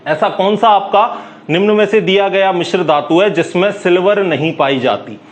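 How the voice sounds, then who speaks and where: A man teaching a chemistry class, firing quick questions at students and answering them himself in a brisk, chatty way. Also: high voice. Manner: calls listeners "bhai", brisk and chatty. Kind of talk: classroom lecture.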